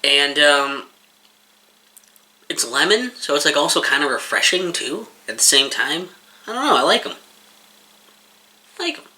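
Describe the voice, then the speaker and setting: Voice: mid-range voice, very animated, a little slow, long pauses, sharp tone, low-quality recording. A person giving a casual, rambling taste-test review, talking informally and swearing freely while eating.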